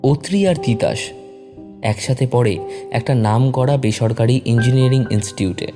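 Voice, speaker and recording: A man reading a story aloud in a measured, expressive narration. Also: medium pitch. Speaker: story reader. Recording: narration over background music.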